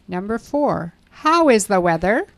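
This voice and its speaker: Slow, lively woman reading lesson prompts. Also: medium pitch, no room sound. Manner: slow, clearly enunciated prompts. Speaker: English lesson reader. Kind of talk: scripted language lesson dialogue.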